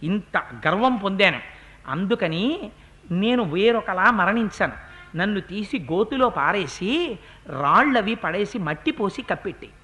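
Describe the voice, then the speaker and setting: A man voicing a cursed male celestial trapped in a demon's body, who speaks low and subdued as he pleads. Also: sharp tone.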